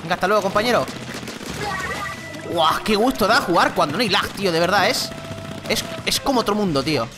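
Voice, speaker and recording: A gaming channel host with a Spain Spanish accent giving chatty, excitable gameplay commentary. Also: medium pitch, fairly quick, long pauses, over music. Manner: excitable, chatty, exclaims and laughs during play.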